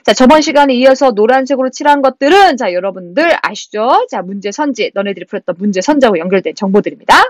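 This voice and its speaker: Brisk woman teacher with a high voice. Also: lively intonation, no echo. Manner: brisk, keeps saying "자", chatty asides to students. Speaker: literature teacher. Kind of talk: exam-prep lecture.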